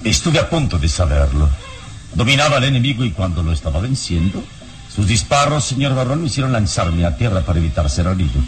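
Kalimán, deep calm hero. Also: male voice, soft background music. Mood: calm recounting. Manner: measured, composed, explanatory storytelling. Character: calm, heroic adult male mystic adventurer. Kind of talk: vintage radio drama acting.

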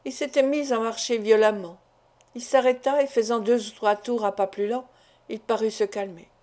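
A woman reading a classic novel aloud as an audiobook narrator, in a measured, literary way. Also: a little high, steady tone, darkish tone. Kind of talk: scripted narration.

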